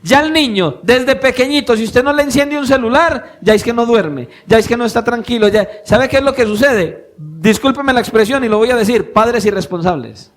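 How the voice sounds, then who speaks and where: A male pastor preaching a sermon, asking his congregation pointed questions and moving between soft, low lines and louder emphatic ones. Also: normal speed, few pauses. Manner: questions the congregation directly, swinging from soft to loud.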